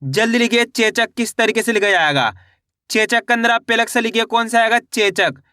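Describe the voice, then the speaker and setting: A man teaching reading, slowly sounding out syllables and repeating each word in a question-and-answer drill. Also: very high-pitched, bright, forceful tone, clear, resonant tone, no echo, studio quality. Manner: addresses viewers as friends. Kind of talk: step-by-step spelling lesson.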